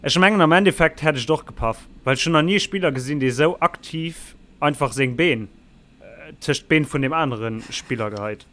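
Scherzender Mann mit luxemburgischem Akzent. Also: male voice, a little high, brisk, pushed and bright. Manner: joking, laughs often. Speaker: podcast co-host. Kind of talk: casual sports chat.

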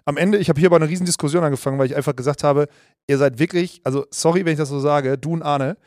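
A man's voice: fairly high pitch, steady tone, rapid-fire, darkish tone, dry recording, studio quality. A man in casual podcast chat, blunt and teasing, heavy on slang.

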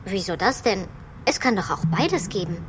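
A woman voicing a polite, curious little creature with lively questions in a children's audio drama. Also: mid-range voice, normal speed, slight background noise, close to an everyday voice. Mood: eager.

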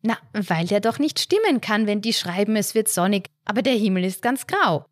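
A woman voicing an excitable, stubborn elderly wife in a read short story. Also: medium pitch, normal speed, no echo, voice pushed up, close to an everyday voice. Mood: excited. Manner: excited, insistent, triumphant.

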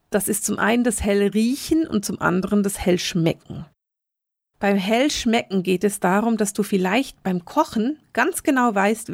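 A middle-aged woman talks very fast and urgently as she hosts a solo teaching podcast. Her voice sits at an ordinary middle pitch. It is recorded dry, with no room sound. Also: vocal fry, no echo. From Switzerland, grew up in Bern. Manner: talks very fast and urgently, repeats words for emphasis. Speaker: podcast host, spiritual medium.

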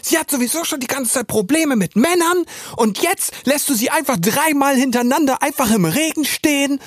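A man voicing an indignant young woman who accuses him on her friend's behalf, pitched far above his own voice. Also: lively intonation, brisk, dry recording, clean studio sound. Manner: accusing, shrill.

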